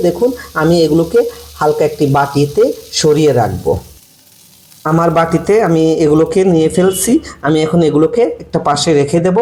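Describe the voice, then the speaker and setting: A man giving slow, repetitive step-by-step cooking instructions for a recipe. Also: fairly high pitch, a little mellow. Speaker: cooking channel host. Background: frying and sizzling from the pan.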